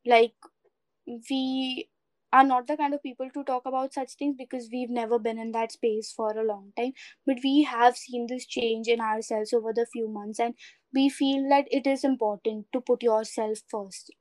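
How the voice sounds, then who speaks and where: A woman with an Indian accent speaks in a fairly high voice, recorded close and dry. She chats casually and earnestly as a co-host, offering encouragement and mixing in bits of Hindi. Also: fairly even intonation, moderate pace, a little mellow, dry recording. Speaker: podcast co-host. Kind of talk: casual reflective chat mixing English and Hindi.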